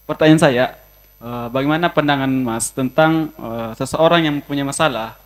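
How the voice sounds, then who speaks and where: A man's voice: medium pitch, normal speed. A man from South Sulawesi asking a question from the audience, hesitant with fillers.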